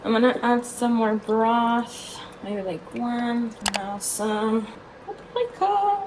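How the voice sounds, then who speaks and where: A woman's voice: a little high, takes it slowly, background noise. A woman vlogging at home in her kitchen, chatting casually as she cooks, filling her talk with "like" and dropping in Spanish words. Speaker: lifestyle vlogger. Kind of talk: casual cooking vlog chat.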